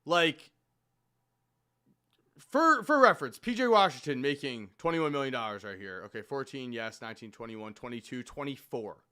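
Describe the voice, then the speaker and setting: A man hosting a live reaction stream, talking excitedly and jumping between topics. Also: medium pitch, normal speed, clean tone. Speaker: livestream host reacting to news. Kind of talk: casual live reaction commentary.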